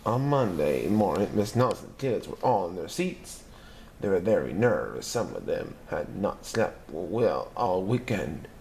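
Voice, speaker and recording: A man reading a picture book aloud with lively, expressive delivery. His voice is very low and gravelly, and it swings widely in pitch. A faint hiss sits under the recording. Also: a little slow. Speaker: narrator. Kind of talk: children's book read-aloud.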